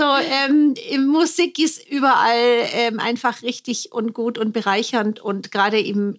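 A middle-aged woman from Germany, a music therapist and hospice volunteer, speaking as a guest in a thoughtful, warm way with frequent hesitations. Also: fairly high pitch. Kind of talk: interview guest, conversational.

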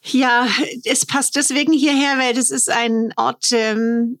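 A middle-aged woman from Germany, a music therapist and hospice volunteer, speaking as a guest in a thoughtful, warm way with frequent hesitations. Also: on the high side, fairly even intonation, takes it slowly. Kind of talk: interview guest, conversational.

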